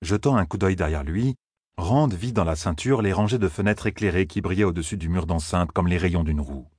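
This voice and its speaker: A man narrating a fantasy novel as an audiobook, with a steady, expressive reading. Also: low voice, brisk, husky, dry recording, studio quality.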